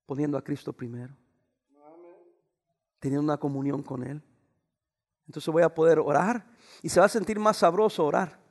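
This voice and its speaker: Pastor preaching in a reverberant church. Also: male voice, a little high, steady tone, moderate pace, pauses often. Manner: preaching with raised voice, swinging to soft asides. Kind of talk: sermon. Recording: long reverb of a church hall.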